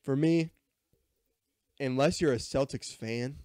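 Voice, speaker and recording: A man's voice: mid-range voice, slow pace, a little mellow, dry recording, clean studio sound. A man co-hosting a podcast, talking sports in a rambling way, often restarting and repeating words. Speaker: podcast co-host. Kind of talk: casual sports chat.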